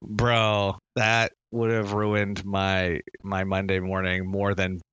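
A man's voice: sits low, completely flat delivery, takes it slowly, fairly bright tone, lo-fi sound, slight background noise. A Canadian man co-hosting a casual sports podcast, laughing often and restarting his sentences. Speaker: podcast co-host. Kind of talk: casual fan chat.

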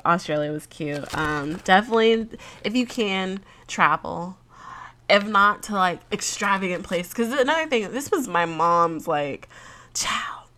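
A woman's voice: mid-range voice, sharp tone. A woman in her late twenties, congested, chatting casually to her viewers with frequent laughs and fillers. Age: 20s. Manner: chatty and giggly, lots of fillers. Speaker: vlogger. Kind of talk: casual chat to camera.

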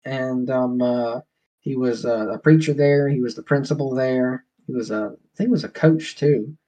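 A man with a Southern accent from Georgia, USA, talks casually and tells stories as a podcast guest. His voice is mellow and medium-pitched, at a normal speed. The call audio sounds dull and lo-fi.

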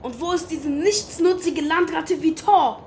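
Woman playing a high-voiced, indignant pirate captain. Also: measured pace, a little mellow, slight background noise. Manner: theatrical, commanding. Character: indignant male pirate captain, bossy, sauerkraut-obsessed. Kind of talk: audio drama acting.

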